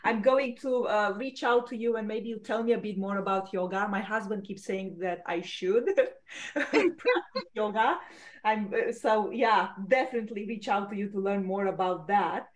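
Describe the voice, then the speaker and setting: A woman from Romania, leading an online class and warmly praising students' work. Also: mid-range voice, moderate pace. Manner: upbeat, encouraging, lavish with praise. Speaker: language teacher.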